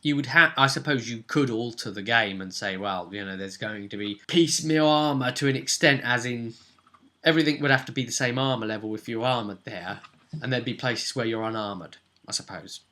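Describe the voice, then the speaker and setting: A man with a medium-pitched, sharp-toned voice talks fairly quickly in casual conversation. As game master, he recaps a tabletop roleplaying session, explaining things chattily and thinking out loud.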